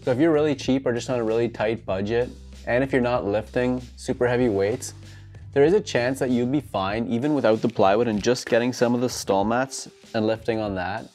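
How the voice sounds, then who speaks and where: Indoors in his garage home gym, the host of a DIY home gym channel, a man in his thirties, talks to camera with casual instructions and playful, tongue-in-cheek jokes. He speaks briskly at a medium pitch with a darkish tone, and music plays in the background.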